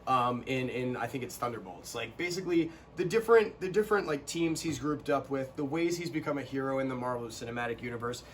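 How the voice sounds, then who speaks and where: A young man co-hosting a casual chat, animated and quick to burst into quoted lines. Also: mid-range voice, a little hiss or hum. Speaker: co-host.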